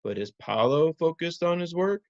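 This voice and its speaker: A man's voice: on the high side, lively intonation, normal speed, dry recording, dull audio. A man teaching young children in simple, instructive phrases, often checking in with short questions. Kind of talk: simple interactive children's lesson.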